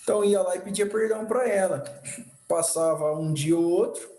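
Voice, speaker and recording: A man leading a church discipleship class, talking through his own story in a loose, reflective, conversational manner. His voice sits a bit high for a man. The sound carries a roomy echo. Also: moderate pace, warm tone. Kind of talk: personal testimony while teaching.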